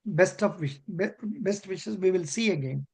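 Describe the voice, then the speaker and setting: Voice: mid-range voice, lively intonation, moderate pace, gravelly, darkish tone. An older interview coach with an Indian accent, giving mock interview feedback in an encouraging way and often repeating phrases.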